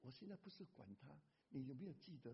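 A man pastor preaching a sermon in an animated way, breaking into a hymn at times. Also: medium pitch, quick pace, vocal fry, slightly rough. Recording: lo-fi church hall reverb.

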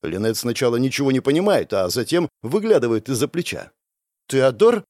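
A young man narrating a first-person novel aloud, lively with sarcastic asides. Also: mid-range voice, fast, dry recording, clean studio sound. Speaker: audiobook narrator.

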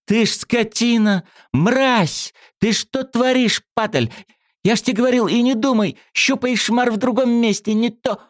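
Man playing a furious, shouting street tough. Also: extremely high pitch, measured pace, voice pushed up. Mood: enraged. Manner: shouting, cursing.

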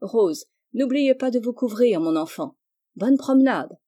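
A reader doing a warm elderly aunt. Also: mid-range voice, lively intonation, unhurried.

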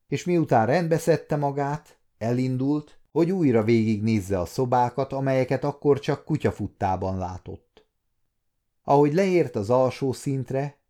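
A man in his fifties narrating an audiobook in a calm, even storytelling manner. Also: mid-range voice. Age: 50s. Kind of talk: scripted narration. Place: recording studio.

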